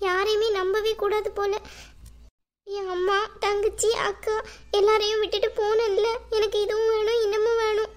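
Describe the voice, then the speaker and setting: A woman voicing a heartbroken young wife in a cartoon who laments through sobs. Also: very high voice. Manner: sobbing, self-pitying lament.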